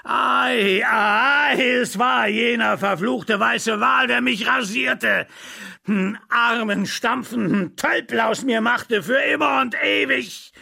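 A man's voice: extremely high pitch, slow pace, gravelly, pushed and bright, heavily acted. A man in his sixties voicing an obsessed, vengeful old sea captain in an audiobook, with roaring, sobbing outbursts. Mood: raging. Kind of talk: audiobook reading.

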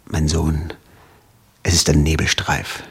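A man voicing a father who speaks in a low, soothing, steady way. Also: takes it slowly, gravelly, breathy edge, full character voice. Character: calm, reassuring father on horseback.

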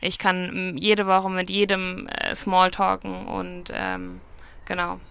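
A woman's voice: fairly low pitch, takes it slowly, vocal fry, fairly bright tone, smooth. A woman in her twenties, a market gardener, answering interview questions outdoors in a chatty, self-correcting way. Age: 20s. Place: outdoors at a vegetable field.

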